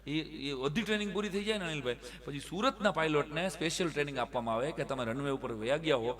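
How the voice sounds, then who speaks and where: A man telling comic stories live, acting out the people in his tales with sudden shouts and bits of broken English. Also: fairly high pitch, quick pace. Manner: animated, acts out characters with sudden loud shouts and broken English. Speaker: stand-up comic storyteller. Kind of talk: live folk comedy storytelling.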